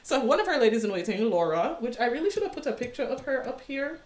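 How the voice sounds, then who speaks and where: A woman's voice: fairly high pitch, expressive, fast, echoey room. A woman recapping a series in casual, sassy commentary, with chatty laughing asides. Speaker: recap host.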